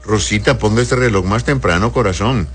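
With a very low, breathy-edged voice and a fairly quick pace, a doctor reads viewers' messages on a live call-in health show and patiently answers each one. Quiet music plays beneath him as he calls people "corazón."

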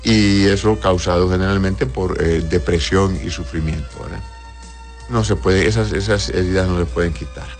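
Man, doctor, low voice; reads listener questions and gives plain advice, with faint music under him. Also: steady tone, normal speed. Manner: plain advisory tone, tags "¿verdad?". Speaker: doctor answering viewer questions. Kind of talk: reading and answering questions.

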